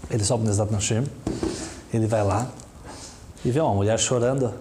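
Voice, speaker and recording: A man telling a story in an animated way, acting out the dialogue. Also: on the low side, moderate pace, noisy background.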